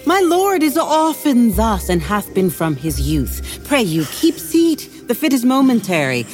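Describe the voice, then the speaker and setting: A woman's voice: fairly high pitch, big pitch swings, a little slow, a little mellow, faint music behind. A woman playing a commanding queen, scolding and cutting in Shakespearean verse. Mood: placating. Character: scornful commanding queen, female. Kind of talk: Shakespearean acting.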